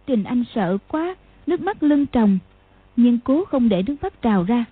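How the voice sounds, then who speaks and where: Casting: female audiobook narrator, husky, fairly high, even delivery; tinny phone-like dry recording. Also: normal speed, dry recording. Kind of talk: scripted narration.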